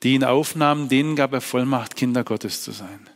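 Earnest male preacher in a reverberant hall. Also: moderate pace. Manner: earnest, swings between hushed low phrases and raised emphatic ones.

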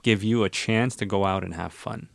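A man hosts a casual podcast conversation in a low, deep voice. He speaks reflectively and asks his guest thoughtful questions. The sound is dry and close, with no room echo. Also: steady tone, moderate pace, creaky. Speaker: podcast host.

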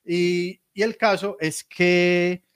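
A man's voice: high voice, drawn-out words, clear, resonant tone. A man with a Colombian accent chatting casually as a podcast co-host, telling stories with animation and frequent laughter. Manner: animated storytelling, laughs often. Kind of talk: casual chat.

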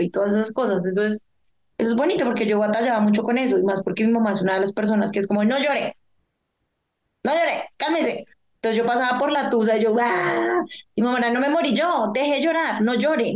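Candid woman, higher voice. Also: dull audio. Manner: emotional, candid, animated storytelling. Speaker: podcast co-host. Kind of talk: casual chat.

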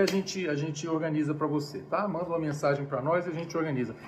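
A Brazilian man with a Brazilian Portuguese accent giving a chatty, digressive music lecture on a live stream from home. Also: sits high. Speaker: music teacher.

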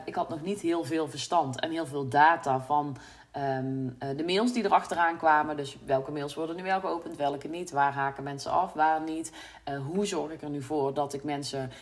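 A woman from Brabant with a Brabant Dutch accent, hosting a podcast and talking candidly and reflectively, with many fillers. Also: deep voice. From Brabant, Netherlands. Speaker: podcast host, business coach. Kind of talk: casual solo podcast monologue.

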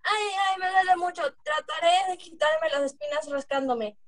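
A woman's voice: extremely high pitch, moderate pace, no echo. A woman with a Mexican accent voicing a hungry, gullible, hot-tempered male coyote in an amateur folk-tale reading, blustering and sometimes stumbling over lines. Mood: angry. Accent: Mexican Spanish. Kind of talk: amateur read-aloud folk tale acting.

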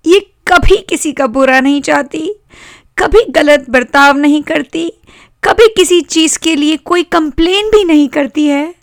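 A woman voicing a young girl who tenderly protects her rag doll, in a high cooing voice. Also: unhurried, dry recording, clean studio sound. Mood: tender coaxing.

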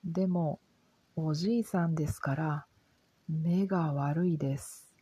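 A soft-spoken woman reading a simple lesson for language learners in a calm, gentle, careful way. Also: fairly low pitch, breathy edge, no room sound, low-quality recording. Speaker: Japanese language teacher.

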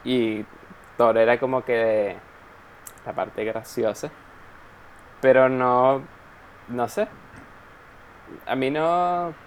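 A man's voice: mid-range voice, steady tone, extremely slow, pauses often, slight background noise. A young man in casual chat, telling an anecdote animatedly and acting out his own reactions.

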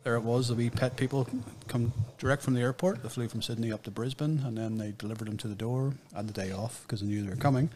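A man's voice: medium pitch, fairly even intonation, fast talker, few pauses, darkish tone. A man co-hosting a podcast in an easygoing, matter-of-fact way. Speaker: podcast co-host. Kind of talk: casual chat.

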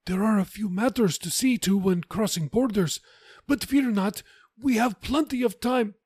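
A man's voice: high-pitched, normal speed, a little mellow, slightly rough, no echo, studio quality, voice pushed up. A man voicing a nervous underling who placates and pleads with his master. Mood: pleading. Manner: anxious, placating.

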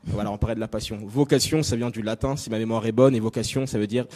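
A man's voice: on the low side, fairly even intonation, fast talker, mellow. A young adult man from France giving a personal talk to an audience, direct and chatty with many fillers. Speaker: invited speaker. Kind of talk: conference talk on stage.

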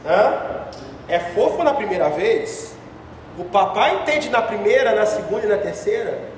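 High-voiced pastor shouting in an echoey hall. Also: male voice, unhurried, a little hiss or hum. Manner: animated, mocking, swings between shouting and soft asides. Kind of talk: sermon. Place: church hall. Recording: echoey hall, far from mic.

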